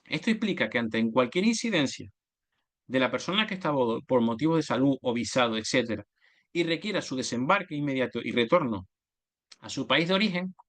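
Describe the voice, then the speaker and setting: A man's voice: a little high, fairly bright tone. A man giving an explanatory slide presentation, methodically listing points and correcting himself mid-word. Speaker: oil and gas business development manager giving a talk.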